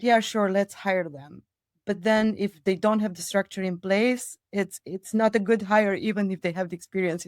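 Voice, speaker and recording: A middle-aged Romanian woman, a native Romanian speaker working as a people operations director, answers interview questions as a guest at a medium pitch. She goes on at length with emphatic repetitions and long digressions, in a dry recording with clean studio sound.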